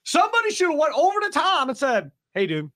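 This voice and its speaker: A man's voice: very high voice, quick pace, no room sound, clean studio sound. A man from Milwaukee, co-hosting a bowling podcast in a casual, opinionated way and acting out quotes. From Milwaukee, USA. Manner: animated, opinionated, acts out quotes. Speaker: podcast co-host. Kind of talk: casual chat.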